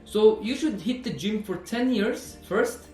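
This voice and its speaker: Brief: man, 20s, personal trainer vlogging; earnest, repetitive, high voice over faint background music. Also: lively intonation, unhurried, mellow, reverberant. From Norway. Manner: earnest, repeats himself, frequent "you know". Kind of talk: earnest fitness vlog monologue.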